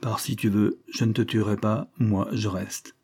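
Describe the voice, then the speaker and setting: A giant convict with a quick temper, blustering and indignant, played by a man reading aloud. His voice is low, dark and husky. He belongs to an old French storybook. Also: fairly even intonation, exaggerated voice. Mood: stubborn. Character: huge, hot-tempered male convict.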